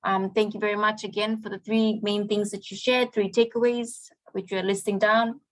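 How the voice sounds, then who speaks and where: A woman moderating a panel on an online call in a polite, measured, semi-formal way, summing up points. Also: mid-range voice, flat delivery, poor audio.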